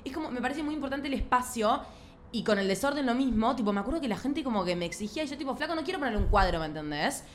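Fast-talking young Argentine woman, slangy. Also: fairly high pitch, expressive, slight background noise. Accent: Argentine Rioplatense Spanish. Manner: chatty, fillers of "tipo", slangy. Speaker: guest host. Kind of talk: casual radio chat.

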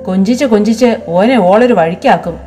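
A woman's voice: mid-range voice, a little fast, dark tone, soft background music, natural voice. Grumbling old grandfather, as a woman narrator puts him on. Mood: irritated. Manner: gruff, complaining. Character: grumpy old man, scolding grandfather.

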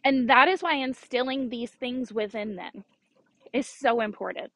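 A woman's voice: a little high, a little slow, fairly bright tone, no echo, low-quality recording. A woman in her thirties hosting a solo podcast in a chatty, earnest and encouraging way, with small laughs. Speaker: podcast host. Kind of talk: casual solo podcast talk.

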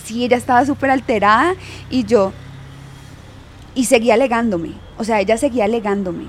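A woman's voice: a little high, fairly quick, a little hiss or hum. A young woman telling a personal story frankly, laughing often as an interview guest. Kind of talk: candid storytelling in conversation.

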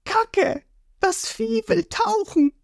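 Casting: a woman playing a rowdy young male pirate captain who yells high and excitably, dry close sound. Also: slow pace, vocal fry, no echo, full character voice. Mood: furious. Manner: yelling, excitable, high-pitched.

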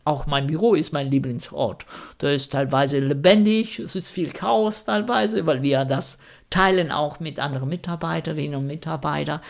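A man from Rome, Italy, speaks German with an Italian accent, answering interview questions with care while searching for words and using non-native grammar. His voice is on the high side and creaky, with a steady tone and normal speed.

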